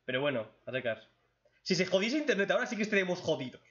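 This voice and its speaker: In rapid-fire, sing-song fashion, a joking, blunt man reads out viewer questions and gives crude, humorous answers during a casual chat. His voice sits a little high for a man, with a fairly bright tone. The audio is dull and lo-fi.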